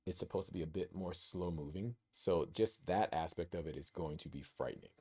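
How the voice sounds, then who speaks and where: A man's voice: low-pitched, brisk, mellow, husky. A man in his thirties co-hosting a gaming podcast, chatting casually and enthusiastically with lots of fillers. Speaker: podcast co-host. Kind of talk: casual chat.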